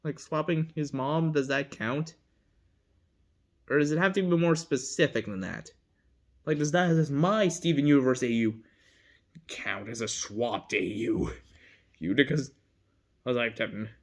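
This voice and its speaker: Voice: medium pitch, a little slow, long pauses. A fandom video creator talking off the cuff in a rambling, giggly way, correcting themselves often and breaking into laughter. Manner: rambling, giggly, lots of self-corrections and asides. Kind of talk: casual rambling commentary.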